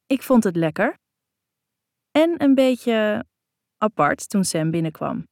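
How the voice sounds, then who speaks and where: A woman's voice: mid-range voice, sing-song, takes it slowly, vocal fry, darkish tone, no room sound, studio quality, pitched above the performer's own voice, exaggerated voice. A woman reading the lines of an easygoing, playful young man in a light, teasing manner. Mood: breezy.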